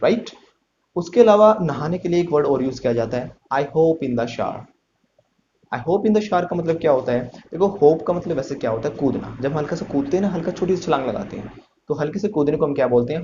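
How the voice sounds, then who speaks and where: A man's voice: medium pitch, a little mellow, muffled recording, a little hiss or hum. A male English teacher giving a spoken lesson, explaining phrases step by step, repeating them and asking the class questions.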